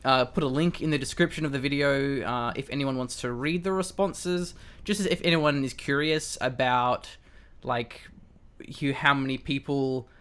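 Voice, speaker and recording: A man's voice: mid-range voice, moderate pace, a bit bright, clean tone. A young man with an Australian accent, co-hosting a casual chat over a webcam, rambling with many restarts and fillers. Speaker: co-host.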